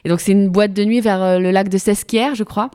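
A woman's voice: medium pitch, fairly even intonation, fairly quick, a little mellow, clean tone. A woman in her thirties from France, a radio theatre columnist chatting casually with many fillers and restarts. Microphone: studio microphone.

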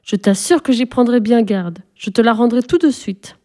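Doubtful young boy, read by a woman, plain calm delivery, warm timbre. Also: on the high side, normal speed, close to an everyday voice.

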